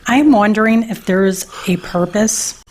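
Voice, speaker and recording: A woman's voice: medium pitch, measured pace. A woman speaking as a resident at a village board meeting, telling a story at length and asking questions. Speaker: resident speaking at public comment. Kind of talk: public comment at a meeting.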